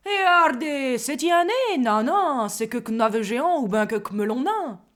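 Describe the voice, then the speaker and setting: A proud, witty swordsman of the stage, acted by a woman declaims verse with hammy relish. The delivery is slow and deliberate at a medium pitch, switching tone sharply as each mocking line is savored. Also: natural voice. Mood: loud burlesque. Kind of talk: theatrical verse monologue recitation.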